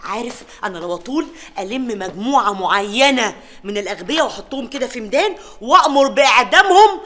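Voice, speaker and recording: A woman's voice: fairly high pitch, animated, fast talker, a bit bright. A woman acting a scornful, scolding sister in a comedy sketch. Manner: scolding, contemptuous.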